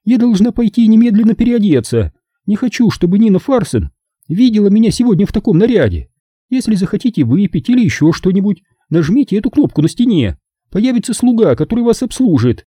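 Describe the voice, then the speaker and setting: A man's voice: high-pitched, very animated, a little fast, dark tone, husky, dry recording, studio quality, pitched above the performer's own voice, heavily acted. Man voicing a gushing imperious socialite woman. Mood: dramatic. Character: glamorous flirtatious woman, thrice-married socialite hostess.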